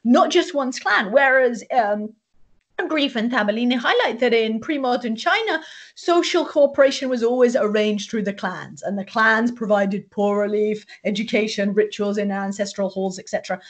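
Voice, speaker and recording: Speaking at a moderate pace in a voice on the high side, this female host asks long, searching questions in an academic interview and frequently starts her phrases over.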